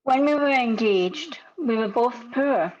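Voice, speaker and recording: A woman playing a sorrowful but resolute young woman in a radio-style drama read over a video call, measured and earnest. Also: fairly high pitch, lively intonation, darkish tone. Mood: sad, reproachful. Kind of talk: rehearsed radio-script drama reading. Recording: dull lo-fi video call audio.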